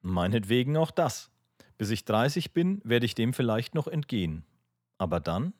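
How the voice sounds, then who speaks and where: A man's voice: mid-range voice, very animated, moderate pace, a little mellow, no echo, studio quality. A man voicing a brooding, sardonic young intellectual in an audiobook reading. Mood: wry.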